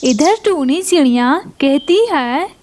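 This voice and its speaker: Woman narrator for a kids' cartoon, slow and high. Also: expressive, a little mellow, slight background noise. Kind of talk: storybook narration.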